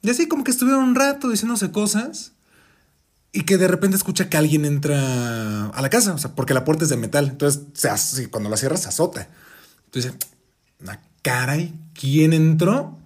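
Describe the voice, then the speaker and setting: A man's voice: a little high, brisk. A man with a Mexican Spanish accent telling a family story in casual chat, quoting his relatives as he goes. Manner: relaxed storyteller, quotes family members.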